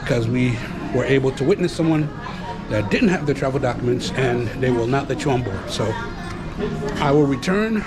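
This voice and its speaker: A man chatting informally to his viewers as a travel vlogger, halting and speaking in short phrases. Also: mid-range voice, expressive, music in the background, a crowd in the background. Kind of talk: casual vlog chat to viewers. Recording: very noisy on-location vlog audio.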